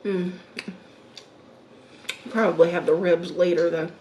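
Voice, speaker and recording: Here a woman in her fifties does casual mukbang chat, thinking out loud between mouthfuls with murmured mms and pauses. Her mid-range voice is expressive. The sound is lo-fi and distant, with room echo and background noise.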